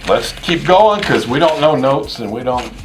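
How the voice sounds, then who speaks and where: A man co-hosting a fragrance review, chatting casually and unscripted, as if thinking out loud. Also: mid-range voice, lively intonation, normal speed, background noise.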